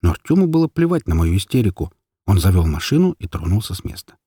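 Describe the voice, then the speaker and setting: A man narrating an audiobook story in an expressive, dramatic way. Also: deep voice, quick pace, husky, dry recording, clean studio sound.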